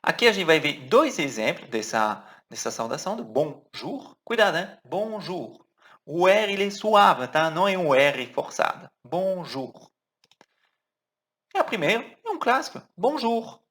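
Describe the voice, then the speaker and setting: Animated man teaching with a French accent. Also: fairly high pitch. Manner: animated, explanatory, repeats words slowly for learners. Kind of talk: online language lesson.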